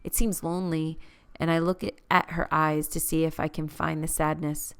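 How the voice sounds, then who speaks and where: Woman, deep voice, clear tone, audiobook narration, measured and gently expressive. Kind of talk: first-person audiobook narration.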